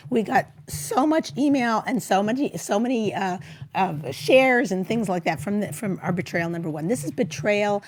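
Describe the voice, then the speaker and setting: A middle-aged woman hosts a chatty advice show in a husky, croaking frog voice. She sounds hoarse, and her pitch swings in a lively way as she stresses her points and throws out questions. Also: normal speed. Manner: animated, emphatic, conversational, with rhetorical questions. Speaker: talk show host. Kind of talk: informal advice talk show. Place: small indoor studio set. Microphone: close tabletop microphone.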